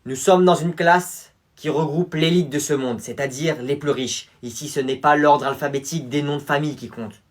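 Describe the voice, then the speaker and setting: A man voicing a stern male teacher who lectures slowly and deliberately. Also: fairly high pitch, fairly even intonation, lightly acted.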